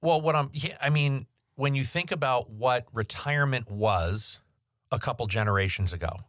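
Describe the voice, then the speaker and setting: A man's voice: medium pitch, normal speed, a bit bright, no room sound, clean studio sound. A man co-hosting a financial podcast, talking candidly in casual chat with jokey asides. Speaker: podcast co-host.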